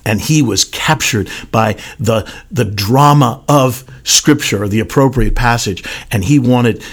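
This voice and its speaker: An older man in casual conversation, speaking earnestly and haltingly with many restarts. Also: medium pitch, breathy edge. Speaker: podcast guest pastor.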